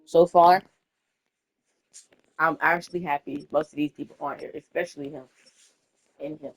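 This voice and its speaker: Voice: mid-range voice, steady tone, a little fast, gravelly, bright, forceful tone, slightly rough, rough recording. Young creator, casual gameplay chatter, rambling and stumbly. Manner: rambling, stumbles over words. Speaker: gaming video creator.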